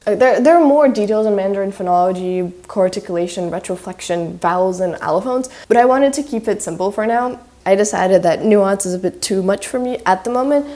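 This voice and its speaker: A woman's voice: mid-range voice, brisk, hardly any pauses, dark tone. A woman casually explaining pronunciation sounds and tones, demonstrating them aloud in a tentative, chatty way. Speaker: language-learning video creator.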